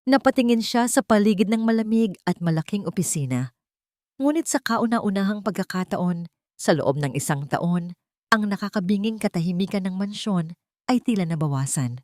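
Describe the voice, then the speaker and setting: Reading as narrator of a scripted dramatic story, this Filipino-accented woman has a medium-pitched, slightly mellow voice and an animated delivery at normal speed. The sound is clean studio audio without any room reverb.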